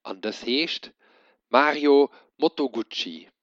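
A man reading a children's story aloud in an expressive storytelling manner. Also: medium pitch, takes it slowly, no room sound. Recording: dull dry lo-fi recording.

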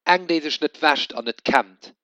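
A man voicing a gruff, grumbling father who dislikes cats, speaking slowly and emphatically. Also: a little high, bright, forceful tone, no echo, pitched above the performer's own voice. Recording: dull dry lo-fi recording.

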